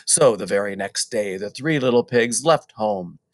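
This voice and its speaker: Middle-aged man, children's story narration, animated pitch, emphatic, dry room sound. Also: moderate pace, dry recording. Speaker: storybook reader.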